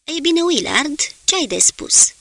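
A woman reading a calm, middle-aged male naval commander who speaks in a measured, gently authoritative way. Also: very high-pitched, creaky, no room sound, voice pushed up, exaggerated voice. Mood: calm, firm.

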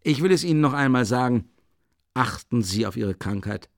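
Man voicing a mocking investigating judge, lively swooping pitch, dry close studio sound. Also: normal speed, gravelly, no echo. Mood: sly. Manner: low, soft, chuckling, insinuating. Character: older male investigating judge, sly and mocking. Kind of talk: audiobook character voice.

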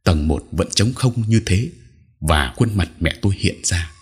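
Deep, husky male storyteller. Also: lively intonation, measured pace. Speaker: narrator. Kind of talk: scripted story narration.

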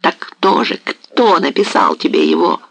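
A man voicing a furious, ruthless Cossack hetman, shouting hoarse threats in an audiobook. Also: sits high, huge pitch swings, measured pace, dry recording, pitched above the performer's own voice, heavily acted, low-quality recording. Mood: enraged. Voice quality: hoarse, wild, raging. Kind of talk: audiobook character reading.

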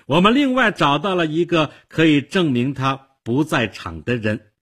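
A man voicing a shrewd, calm middle-aged police detective who explains things in a knowing, matter-of-fact way. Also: fairly high pitch, moderate pace, husky, voice pushed up. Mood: informing.

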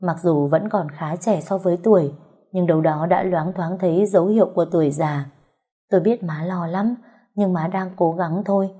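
A woman's voice: lowish voice, warm tone, breathy edge. A woman with a Southern Vietnamese accent narrating a first-person audio story in an emotional, heartfelt way.

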